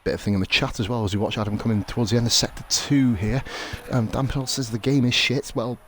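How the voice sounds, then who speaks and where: A man's voice: mid-range voice, fairly even intonation, quick pace. A man with a lisp, giving casual, sweary, bantering livestream race commentary as host. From South West Wales.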